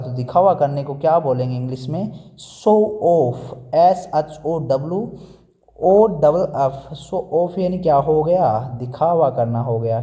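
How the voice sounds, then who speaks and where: A male English teacher with a slightly high, mellow voice drills vocabulary. He asks his own questions, answers them, and spells each word out letter by letter. The sound is muffled and lo-fi, with a long, ringing room reverb. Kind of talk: vocabulary lesson. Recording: dull lo-fi audio in a reverberant room.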